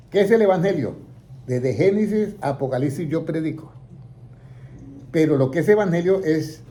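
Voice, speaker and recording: A man's voice: a little high, mellow. A man leading a Bible lesson for a small indoor group, asking questions and leaving his sentences open for listeners to complete. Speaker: Bible teacher.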